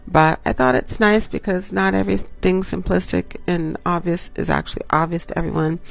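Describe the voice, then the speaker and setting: Gravelly and fairly low, this obstetrician-gynecologist gives her viewers an easygoing informational talk while stuffed up with a cold. She takes her time, halting with lots of ums, correcting herself, and coughing occasionally.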